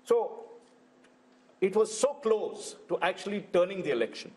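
A man with an Indian accent and a fairly high voice explains election politics on a news show. His pitch moves about in a lively way as he stresses each point. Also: moderate pace. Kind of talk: unscripted election analysis.

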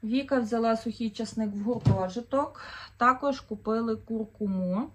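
A woman's voice: a little high, moderate pace, noisy background. A woman in her thirties from Ukraine, chatting casually through a shopping haul as a vlogger, thinking aloud with fillers. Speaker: vlogger, mother of four.

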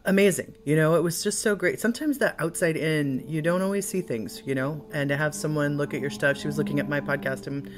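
A woman's voice: deep voice, fairly quick, few pauses. A woman from the Midwest hosting a podcast interview, chatty and enthusiastic, with lots of fillers. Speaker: podcast host. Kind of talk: casual interview chat.

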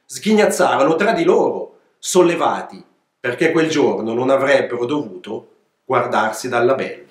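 A man reading his own children's book aloud as an expressive, playful storyteller. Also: mid-range voice, moderate pace. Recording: echoey room.

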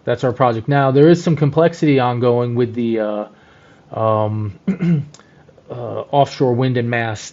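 A man's voice: mid-range voice, a little mellow, highs cut off. A man co-hosting a podcast, rambling enthusiastically with plenty of fillers in casual chat. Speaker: podcast co-host, journalist.

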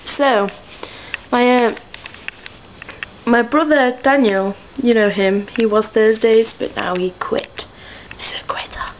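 A woman's voice: a little high, takes it slowly, pauses often, dull audio, a little hiss or hum. A young woman chatting aimlessly to her camera in her bedroom, full of fillers, giggles and side remarks. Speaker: vlogger. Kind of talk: rambling casual vlog.

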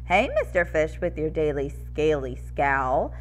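A woman voicing chiding sea creatures from a picture book, scolding briskly in rhyme. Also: low-pitched, animated, slight background noise, pitched below the performer's own voice. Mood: chiding, urging. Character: chiding sea creature friends urging cheer.

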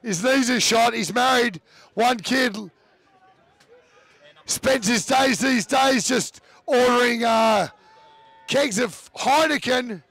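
A man giving live rugby commentary, excitable and often shouting over the play, with chatty asides about the players. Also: extremely high pitch, slow pace, creaky, long pauses, no echo.

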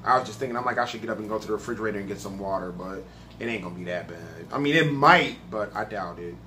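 A man's voice: lowish voice, very fast, background noise. A man casually reviewing a spicy snack on his own video channel, talking loosely and swearing a lot. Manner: profane, laid-back, chatty. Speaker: food reaction vlogger.

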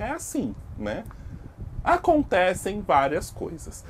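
A Brazilian woman hosting a YouTube channel, telling an exaggerated comic story with lots of sound effects in an animated way. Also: deep voice, a little hiss or hum. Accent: Brazilian Portuguese. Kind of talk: comic tall-tale storytelling.

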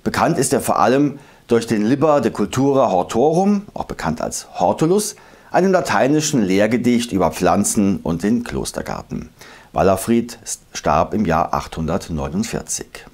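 A man narrating a scripted history lesson, explaining emphatically and slowing down to recite old verses. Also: lowish voice, big pitch swings, darkish tone. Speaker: history video host.

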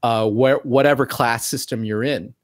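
A man co-hosting a podcast, talking through a film review in a casual, excitable way and swearing freely. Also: medium pitch, moderate pace, no room sound, studio quality. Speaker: podcast co-host.

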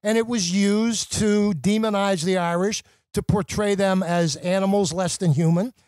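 A man's voice: high-pitched, fairly even intonation, normal speed, a little mellow, no room sound. A man who works as a journalist and talk radio host, a guest on a podcast, arguing his points with emphatic, impassioned conviction. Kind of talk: podcast conversation.

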